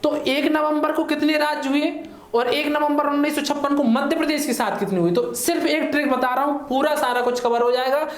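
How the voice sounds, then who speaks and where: A man's voice: very high voice, fairly even intonation, brisk. A male teacher, giving an online exam-prep lesson in a chatty way and often checking in with his listeners. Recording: echoey room.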